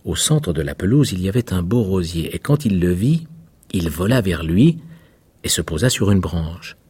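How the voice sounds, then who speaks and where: A man reading a tale aloud in a measured, expressive storytelling manner. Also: sits low, slightly rough.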